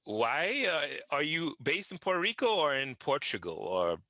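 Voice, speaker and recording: A man co-hosts a podcast, chiming in with short reactions and quick questions for the guest. His pitch moves a lot as he speaks. The recording is dry, with no room sound around him. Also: huge pitch swings, pushed and bright, no echo. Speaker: podcast co-host. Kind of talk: casual podcast chat.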